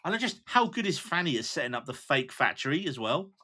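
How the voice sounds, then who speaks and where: A man co-hosting a podcast, with a bright, forward voice. His pitch swings widely as he chats eagerly, working through a list of notes. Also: sing-song, quick pace. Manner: enthusiastic, reads out notes and lines. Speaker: podcast co-host. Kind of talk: casual chat.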